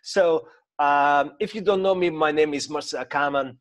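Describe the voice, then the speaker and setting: A man's voice: a little high, moderate pace, a bit bright. A man in his thirties from Hungary with a Hungarian accent, explaining mindset ideas in an informal talk while sharing his screen, hesitant with many fillers and restarts. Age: 30s. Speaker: mindset coach.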